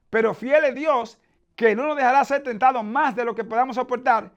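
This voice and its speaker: A male preacher delivering an emphatic sermon. He quotes scripture verses from memory and keeps checking with his listeners, asking whether they see his point. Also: very high-pitched.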